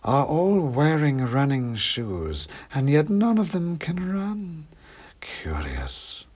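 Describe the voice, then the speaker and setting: A man voicing a sly, taunting giant male cat, speaking in a slow, throbbing, whispery voice as he reads an audiobook. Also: on the high side, wildly swooping pitch, darkish tone, husky, voice pushed up, exaggerated voice. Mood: menacing. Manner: slow, drawn-out, mocking. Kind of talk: audiobook reading.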